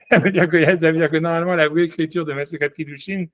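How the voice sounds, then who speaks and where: A man with a somewhat high voice explains a text to a single student. He leans on "tu vois", repeats himself and restarts as he searches for the words. The sound is dry and close, with no room echo. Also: fairly even intonation, fast, dull audio. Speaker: Talmud teacher. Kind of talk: one-on-one study session.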